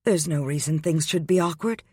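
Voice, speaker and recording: Man voicing a young woman assistant, nervous, crisp and polite, higher voice, dry audiobook read. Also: a little mellow, dry recording. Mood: shaky, crisp. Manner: shaky yet crisp, brisk politeness.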